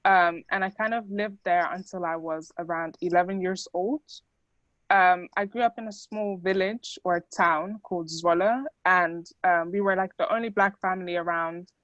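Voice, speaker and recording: Speaking at normal speed in a lowish, slightly bright voice, a young Dutch-native woman raised in the Netherlands gives a chatty student talk loaded with fillers. The sound is lo-fi with no room ambience.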